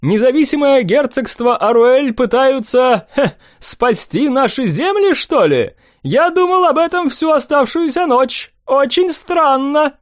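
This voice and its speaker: A man voicing a gloomy, lanky old prince with a ringing voice too high for his age, scoffing and skeptical. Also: animated, a little slow, hardly any pauses.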